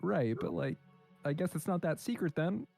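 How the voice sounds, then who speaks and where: A man's voice: a little high, big pitch swings, normal speed, vocal fry, a little mellow. A man giving casual commentary on a game marathon stream. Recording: faint game music behind.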